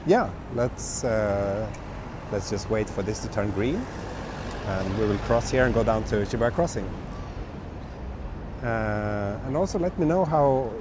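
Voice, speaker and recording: A man with a cold hosts a live walking stream at night, talking in a hoarse, slightly broken, medium-pitched voice and reading out viewer comments in a relaxed, chatty manner. His small wireless clip-on mic records him outdoors on busy city streets, where traffic noise is clearly audible.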